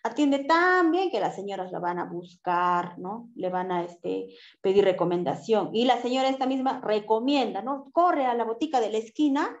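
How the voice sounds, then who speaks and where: A woman teaches pharmacy customer service in an animated lecture, often checking in with her listeners. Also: a little high, moderate pace. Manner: animated, acts out customer exchanges, tag questions. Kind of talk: lively lecture with acted examples. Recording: echoey room, dull lo-fi sound.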